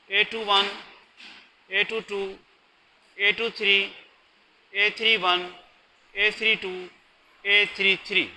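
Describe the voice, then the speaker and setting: A man's voice: high voice, bright, forceful tone, slight background noise, poor audio. A man giving a recorded math lecture, patient and explaining step by step. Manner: patient, explains step by step, mixes in English terms.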